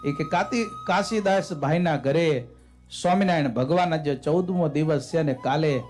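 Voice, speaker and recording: A man telling a devotional story as a temple sermon, with dramatic, expressive narration. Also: fairly high pitch, moderate pace, soft background music.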